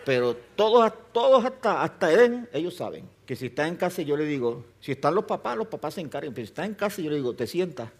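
A grandfatherly pastor with a notably high-pitched voice delivers a sermon. He talks to the congregation like a conversation, pressing his points with rhetorical questions and plain emphasis. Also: sing-song, fast, hardly any pauses, breathy edge. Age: older.

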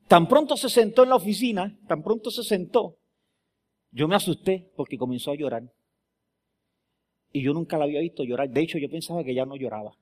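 A male pastor with a notably high voice delivers a sermon. He rises into loud, emphatic declarations, then drops into hushed, close storytelling. He keeps drawing the congregation in with questions. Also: brisk, pauses often. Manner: swings from loud emphatic preaching to quiet storytelling; asks the congregation rhetorical questions.

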